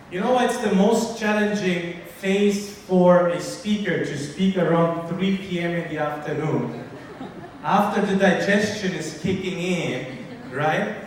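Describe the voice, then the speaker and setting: A man in his forties from Sicily with an Italian accent, giving a lively, interactive conference keynote and polling the audience. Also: sits high. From Sicily, Italy. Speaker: keynote speaker. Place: large hall with an audience. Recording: echoey hall, distant mic, faint noise.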